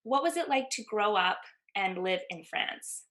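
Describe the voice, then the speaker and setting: A woman's voice: medium pitch, lively intonation, a little slow, fairly bright tone. A woman hosting an interview podcast, welcoming her guest and asking friendly, encouraging questions. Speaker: podcast host.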